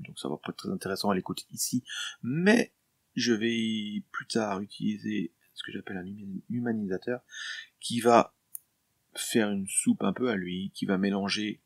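A French composer explains his work at home in an easy, informal way, full of fillers and restarts. His voice sits low and has a gravelly edge. The sound is close and dry, with no room around it. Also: no room sound. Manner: chatty and explanatory, with frequent fillers and self-corrections; addresses the viewer informally, jokes lightly. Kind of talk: casual screen-share tutorial vlog. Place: home, during lockdown.

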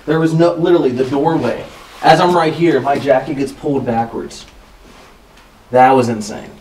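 A young man talking in casual slang on a night ghost-hunting vlog, excitable and repeating himself as if startled. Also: mid-range voice, normal speed. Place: abandoned corridors and rooms at night. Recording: echoey, noisy, distant camera sound.

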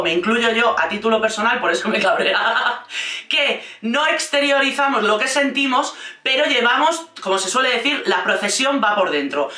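A woman's voice: a little high, pushed and bright, recorded from a distance. A woman with a Spain Spanish accent giving blunt, sarcastic reaction commentary on a reality show, swearing freely. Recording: roomy sound, voice away from mic.

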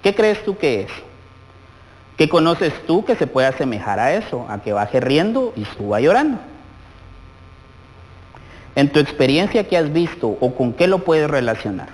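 A man's voice: on the high side, big pitch swings, normal speed, long pauses, in a large hall, low-quality recording. A man teaching a televised lesson to young children, asking them many questions directly. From Guatemala.

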